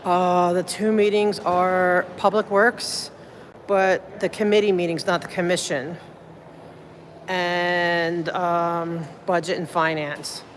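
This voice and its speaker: A woman with a lowish voice speaks slowly and flatly while livestreaming city meetings on a noisy phone. Moving through public building hallways and elevators, she rambles casually, thinks out loud, and thanks her viewers.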